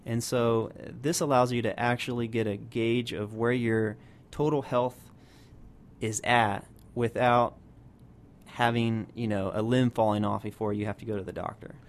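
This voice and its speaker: A man speaking as a health practitioner guest on a radio show, explaining at length and patiently with many pauses. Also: medium pitch, little pitch movement, slight background noise. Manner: explanatory, many fillers and restarts. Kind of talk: radio interview.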